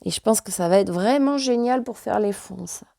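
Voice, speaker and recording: A woman's voice: medium pitch, normal speed, gravelly, warm tone, no echo, studio quality. A French woman vlogger chatting casually and hesitantly, full of fillers, while showing her purchases. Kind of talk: casual chat.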